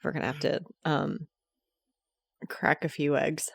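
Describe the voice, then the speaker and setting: A woman's voice: sits low, level tone, measured pace, no room sound, studio quality. A woman playing a tabletop roleplaying game, casually describing what her character does.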